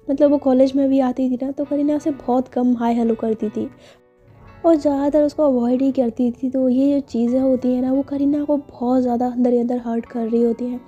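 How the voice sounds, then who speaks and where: A woman's voice: a little high, dark tone, dull audio. A woman narrating a love story in a chatty, casual storytelling manner. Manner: chatty, filler-heavy narration.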